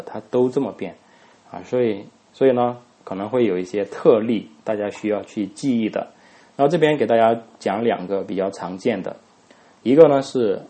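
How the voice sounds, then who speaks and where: A man's voice: lowish voice, warm tone. A man teaching an English grammar lesson, who spells words out letter by letter, says each word twice and keeps asking his students rhetorical questions. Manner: asks students rhetorical questions, many fillers.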